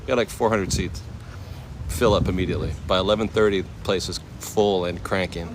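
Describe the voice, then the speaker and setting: Strolling through a temple complex, a West Coast American man in his forties, who works as a chef and livestreamer, spins laid-back, slang-filled stories for his live audience. He speaks briskly in a deep voice with fairly even intonation, while outdoor noise and passing vehicles are audible.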